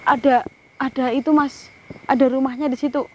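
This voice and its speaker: A woman's voice: high voice, level tone, moderate pace, warm tone, muffled recording, a little hiss or hum. A woman vlogger hunting ghosts outdoors by a river. She directs her cameraman, recites Islamic prayers, and sternly orders a spirit to show itself and leave. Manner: some prayers muttered in a whisper. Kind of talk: paranormal summoning vlog.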